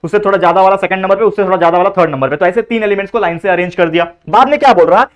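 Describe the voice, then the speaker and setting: A young man tutoring students through a quick exam revision. He is chatty and coaxing, and he switches between Hindi and terms. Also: sits high, smooth, dull audio. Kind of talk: fast exam revision lesson.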